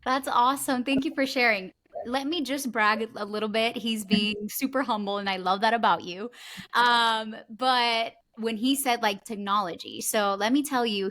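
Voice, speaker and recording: A woman's voice: fairly high pitch, fairly bright tone. Enthusiastic woman hosting a podcast. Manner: enthusiastic, effusive praise. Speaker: podcast host. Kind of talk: casual interview.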